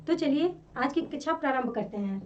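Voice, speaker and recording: A woman teaches a lesson in a high, clear voice. She explains slowly and patiently and goes over each example more than once. The recording sounds dull and a little distant from the mic. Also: lively intonation, darkish tone, slight background noise. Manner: slow, explanatory, repeats examples. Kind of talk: classroom lesson.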